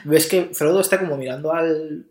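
A podcast co-host chatting casually and animatedly, acting out quick quotes. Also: mid-range voice, darkish tone. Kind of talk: casual chat. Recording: roomy echo.

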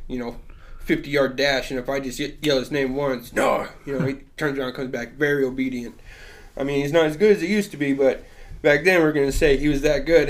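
A young adult man in casual chat, telling a rambling story with frequent laughs and casual swearing. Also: mid-range voice.

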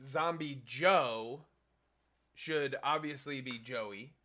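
A man co-hosting a podcast in casual banter, halting and hesitant with many fillers while setting up a scene. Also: medium pitch, pushed and bright. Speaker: podcast co-host.

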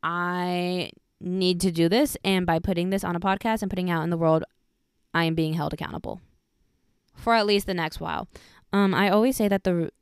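Her pitch fairly low and her tone smooth, this twenty-something woman hosts a casual podcast, giggling and chatting as she tells lively stories from her life. The studio-quality recording carries no echo.

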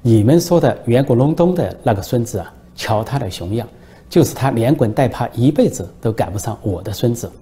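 A man's voice: medium pitch, animated, fairly quick, warm tone, lightly acted. A man voicing a proud old man of seventy-eight in a told joke, blunt and dismissive. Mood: blunt, boastful.

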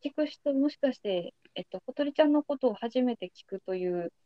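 A woman's voice: high-pitched, animated, normal speed, no echo, dull audio. A young adult woman hosting a podcast, chatting casually as she interviews a guest. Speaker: podcast host.

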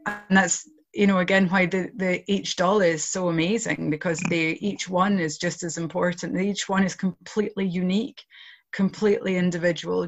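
This project founder, a woman from somewhere other than Ireland, talks earnestly and reflectively in an interview, peppering her speech with "you know." Her voice sits on the low side with vocal fry, and the recording sounds muffled.

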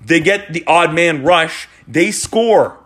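A man in his forties ranting exasperatedly as a hockey fan after a loss, sometimes shouting. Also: a little high, expressive, slow. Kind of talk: post-game fan rant.

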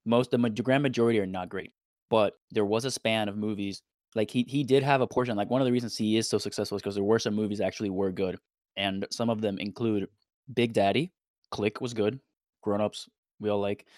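A man's voice: on the low side, fairly even intonation, brisk, darkish tone, dry recording, studio quality. A young man from Puerto Rico chatting casually on a podcast, rambling as he counts off his points.

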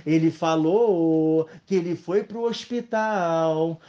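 A man with a Brazilian Portuguese accent teaching a casual weekly Torah lesson, telling stories in a lively, joking way. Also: a little high, slow, lo-fi sound.

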